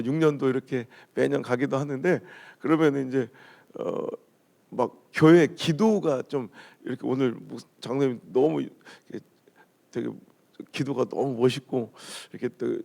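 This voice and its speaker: A pastor from Chungcheong, Korea, with a medium-pitched, creaky voice, preaches at a dawn revival service in a church sanctuary. He tells humorous stories, mimics the way people talk in regional dialect, and keeps the jokes lively.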